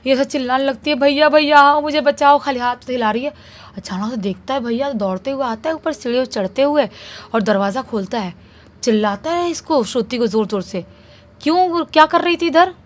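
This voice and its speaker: A woman casually retelling a true horror story in an animated, conversational way. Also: fairly high pitch.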